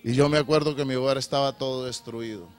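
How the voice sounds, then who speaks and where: A middle-aged man preaching a sermon, swinging from loud shouted appeals to low, confessional testimony. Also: fairly even intonation, fast talker, smooth.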